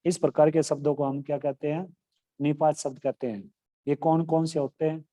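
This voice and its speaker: Male school teacher, fairly high but mellow voice, lively worked examples in an online class. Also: normal speed. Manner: explains, then acts out example exclamations with feeling. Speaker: Hindi grammar teacher.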